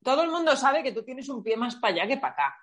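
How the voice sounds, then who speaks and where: A woman's voice: high voice, sing-song, fast. A woman co-hosting a casual chat, teasing and playfully acting out little scenes. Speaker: podcast co-host.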